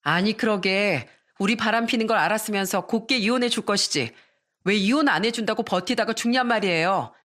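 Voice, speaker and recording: A woman's voice: medium pitch, fairly quick, a bit bright, close to an everyday voice. A woman voicing a brash young pregnant stepmother who talks back defiantly.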